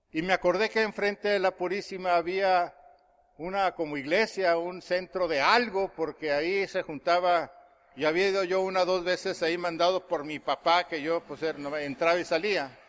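A man preaches, his voice sitting high for a man. He tells his story earnestly and builds to forceful proclamation. His words ring out with a long echo through a big church hall. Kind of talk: sermon testimony.

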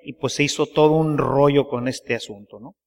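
A man's voice: medium pitch, normal speed, vocal fry, long reverb tail. A man preaching a sermon, telling stories in a folksy way and often checking that the congregation follows. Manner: folksy storytelling, keeps asking the congregation to agree. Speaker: priest.

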